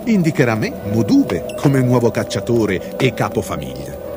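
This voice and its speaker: A man voicing a young, headstrong boy who is quick to anger, speaking high and loud with indignation over soft background music. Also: huge pitch swings. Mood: angry. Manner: shouting, indignant.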